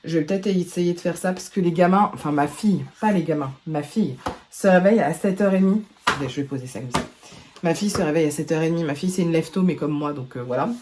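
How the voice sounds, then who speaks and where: A woman beauty vlogger, hoarse from a sore throat, chatting casually to camera at home with lots of hesitations. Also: low-pitched, fast talker, background noise. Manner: chatty, rambling, many hesitations. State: hoarse from laryngitis. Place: at home indoors.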